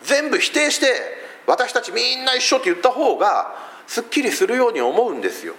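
A pastor from Fukuoka, Japan, speaking with a Hakata accent, preaches a sermon conversationally with many rhetorical questions. His voice is very high-pitched and sing-song, fairly quick and fairly bright.

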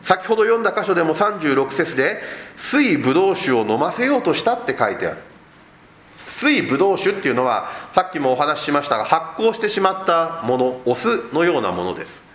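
A male pastor preaches with a high voice that swings up and down. He keeps asking his listeners rhetorical questions as he explains the passage. The sound is echoey, as in a reverberant room. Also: big pitch swings, brisk, fairly bright tone. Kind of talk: sermon.

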